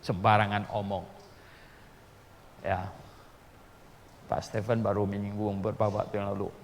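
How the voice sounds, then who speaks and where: Pastor in his 60s, gravelly voice, animated storyteller. Recorded in a big reverberant hall. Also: fairly low pitch, normal speed, a little hiss or hum. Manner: animated storyteller who acts out dialogue. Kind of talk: sermon with storytelling.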